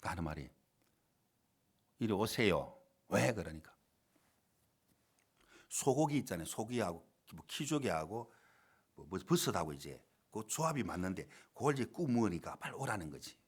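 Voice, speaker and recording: A middle-aged male pastor preaching a sermon in a church, telling a story with dramatic swings between loud and quiet. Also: low voice, very animated, moderate pace, husky. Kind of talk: sermon with acted-out quotes. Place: church sanctuary.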